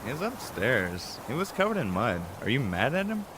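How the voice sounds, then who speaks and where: A man's voice: medium pitch, huge pitch swings, moderate pace. A man voicing a blunt, matter-of-fact young adult brother who takes things literally. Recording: rain and thunder noise behind.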